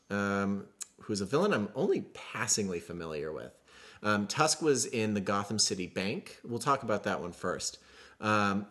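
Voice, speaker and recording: A man's voice: lowish voice, fairly bright tone. A man co-hosting a podcast, casually and eagerly explaining how a board game plays. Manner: enthusiastic, explains rules at length. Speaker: podcast co-host.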